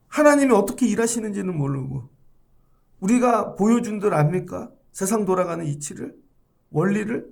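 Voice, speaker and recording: A man's voice: high voice, gravelly. A male pastor giving an early-morning sermon in a conversational way, acting out short bits of dialogue. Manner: conversational preaching with acted-out dialogue. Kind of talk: dawn sermon.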